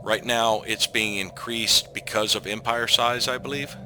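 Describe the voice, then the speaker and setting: A man with a fairly low voice talks through a strategy game as the host of a let's play. He thinks out loud in a relaxed, casual way and often pauses on an "uh" or "um" before going on. Game music plays clearly behind him. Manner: thinks aloud, trailing off with frequent ums. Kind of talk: casual gameplay commentary.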